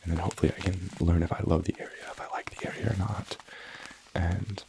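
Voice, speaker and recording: Low, creaky whispering young man. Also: steady tone, fast. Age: 20s. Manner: hushed whisper, close to the ear; rambling, casual. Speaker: ASMR creator, physical therapy student. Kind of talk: whispered ASMR rambling.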